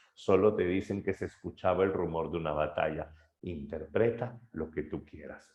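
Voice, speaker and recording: Low-voiced man retelling a story in class. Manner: animated storytelling, acting out quotes. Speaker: literature tutor. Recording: muffled roomy lo-fi audio.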